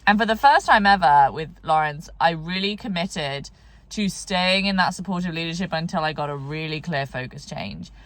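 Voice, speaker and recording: A woman's voice: low-pitched, lively intonation, moderate pace, fairly bright tone, no room sound. Tired woman musing in a dry, close sound. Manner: rambling, many "like" fillers and restarts. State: tired, yawning. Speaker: horse trainer vlogger. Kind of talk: reflective vlog monologue.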